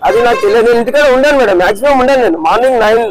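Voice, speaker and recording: Man, grieving father, very fast, pleading, repetitive, street interview, clear crowd noise. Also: extremely high pitch, low-quality recording.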